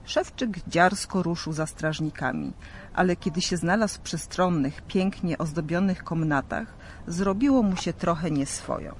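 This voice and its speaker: A man narrating a legend as a lively, expressive storybook reading. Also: fairly high pitch, moderate pace, slight background noise.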